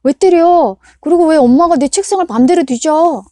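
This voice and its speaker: A woman voicing a petulant grade-school boy who shouts and whines at his mother. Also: medium pitch, animated, normal speed, no room sound, clean studio sound, close to an everyday voice. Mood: shouting.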